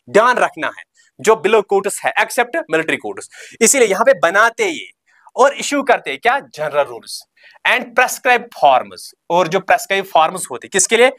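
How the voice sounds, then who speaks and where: A man giving a recorded exam coaching lecture. He asks his students short questions and answers them himself, reads key terms out slowly and repeats them, and keeps telling the class to remember. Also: sits high, bright, forceful tone.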